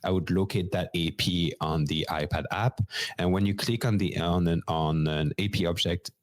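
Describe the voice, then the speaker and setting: A man's voice: low-pitched, fairly even intonation, moderate pace, no room sound. A man with a French accent co-hosting a podcast, methodically explaining practical steps in a casual technical chat. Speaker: podcast co-host.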